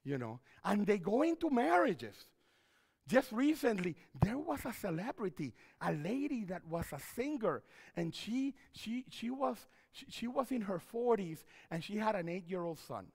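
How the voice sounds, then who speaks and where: A middle-aged pastor speaks with a high voice that rises and falls widely, often repeating himself as he paces. He wears a headset mic on a church stage. The sanctuary adds a long reverb to his words. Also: moderate pace, slightly rough. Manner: animated, repeats phrases, wide hand gestures while pacing. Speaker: pastor and counselor giving a seminar. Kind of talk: seminar talk in church.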